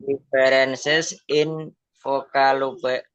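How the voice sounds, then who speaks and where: A man with an Indonesian accent, a student reading out an English definition in class, halting word by word. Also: medium pitch, little pitch movement, fairly bright tone, smooth, no room sound, lo-fi sound.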